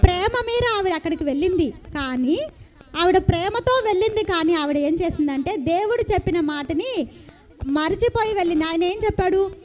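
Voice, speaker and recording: A woman with a Telugu accent preaches in a very high voice. She tells the story as a sermon and keeps asking her listeners questions. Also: normal speed. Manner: animated storytelling with rhetorical questions.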